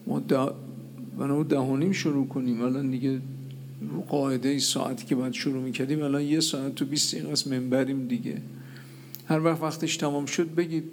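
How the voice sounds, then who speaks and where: Gravelly-voiced man preaching with stories. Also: mid-range voice, slight background noise. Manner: lively storyteller acting out dialogue, laughing at his own tales. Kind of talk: storytelling sermon from the pulpit.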